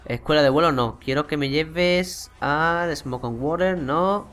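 A young man with a Spain Spanish accent giving chatty, excitable let's play commentary to his viewers, swearing casually as he plays. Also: a little high, measured pace. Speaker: gaming YouTuber.

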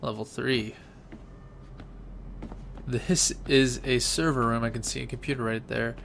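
A young man hosting a let's-play video, giving relaxed, chatty commentary full of fillers. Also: medium pitch, a little slow, creaky, slight background noise. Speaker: gaming channel host.

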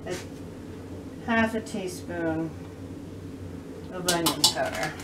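A woman's voice: lowish voice, takes it slowly, very noisy. Middle-aged lady cooking at home, chatty and easygoing, mic sits back from her, pans clanking around. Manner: chatty, walks through each step aloud. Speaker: cooking show host. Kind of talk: casual cooking demonstration. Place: home kitchen, indoors. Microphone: camera a few feet away. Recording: distant camera mic with kitchen clatter.

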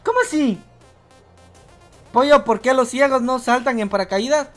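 Streamer host: Guatemalan woman, high pitched, playful teasing chat reader, soft music under her. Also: normal speed. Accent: Guatemalan Spanish. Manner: playful, teasing, keeps saying "bro". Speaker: livestream host. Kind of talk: casual livestream chat reading viewer jokes.

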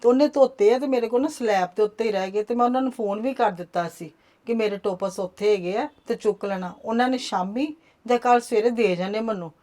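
Actress as a fearful, tearful young daughter-in-law, quiet and pleading, dry recording. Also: female voice, a little high, fast, no room sound, lightly acted. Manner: pleading, fearful, soft and sad. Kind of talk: family drama acting.

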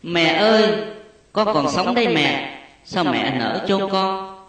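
A man's voice: sits high, animated, slow, a bit bright, voice pushed up, heavily acted. A man voicing a starving young child pleading. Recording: echoey and distant.

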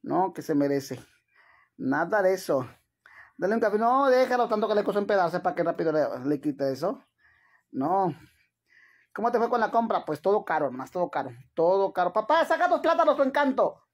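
A man's voice: high-pitched, big pitch swings, fairly quick. A man with a Mexican accent chatting on a live stream, dramatic and full of exclamations, calling his viewers "sisters". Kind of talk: casual live-stream chat.

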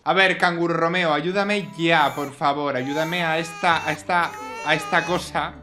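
A man commentating a life-simulation game, expressive and exclaiming, often scolding the characters. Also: a little high, unhurried, over music. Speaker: gaming YouTuber. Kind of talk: Sims let's play commentary.

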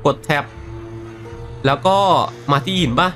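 A man's voice: measured pace, a bit bright, faint music behind. A man streaming a video game, translating the characters' lines aloud and chatting about them as he plays. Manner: voices characters' lines and reacts between them. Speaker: gaming streamer. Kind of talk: live game commentary with voice-over translation.

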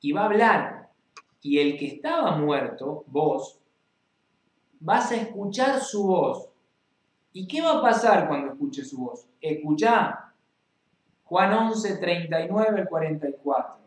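Rioplatense guy preaching, reads bible then talks right at you, kinda high voice, echoey room. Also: expressive, slow pace. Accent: Rioplatense Spanish. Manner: reads scripture then preaches directly to the listener.

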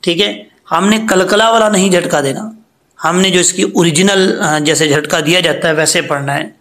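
Bright high-voiced man teaching recitation. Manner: patient, explains step by step, then chants slowly. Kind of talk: tajweed lesson with recited examples.

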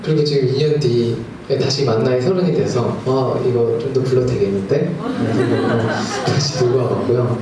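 A singer-songwriter in his thirties performs live at a small music club, chatting with the audience between songs in a friendly, slightly nervous way. His mid-range voice is fairly quick with hardly any pauses. A distant mic captures the echoey club, with music behind.

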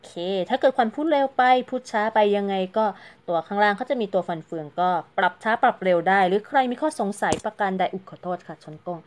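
A woman's voice: medium pitch, animated, fast, hardly any pauses. A woman giving a casual, chatty crochet tutorial, counting stitches aloud and explaining each step politely. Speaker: crochet teacher.

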